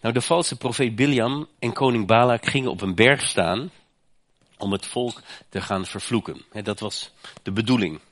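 A man preaching a sermon with passion. He often says "hè" and climbs to high, emphatic peaks. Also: normal speed, fairly bright tone, dry recording. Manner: impassioned, rises to high emphatic peaks, frequent "hè" fillers.

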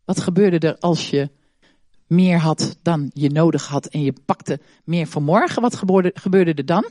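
Een vrouw die in een kerkdienst een interactief kinderpraatje houdt, met veel vragen en uitroepen. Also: female voice, sits low, measured pace, no room sound, clean studio sound. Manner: asks many questions, animated, exclaims. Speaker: children's talk leader in church service. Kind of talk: interactive children's talk.

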